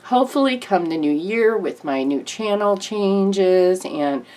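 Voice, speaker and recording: A woman's voice: mid-range voice, animated, unhurried, dark tone. A woman who makes craft videos, giving a candid, earnest and rambling personal update to her viewers in a nasal, congested voice. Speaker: YouTube crafter and artist.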